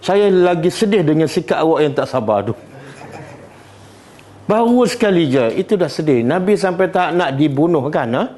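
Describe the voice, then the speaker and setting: Man, Malaysian Malay accent, religious teacher, somewhat high-pitched, slow verse recitation, frequent short questions. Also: animated, a little mellow. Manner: keeps quizzing the class with short questions; recites Arabic verses slowly. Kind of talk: Quran study class.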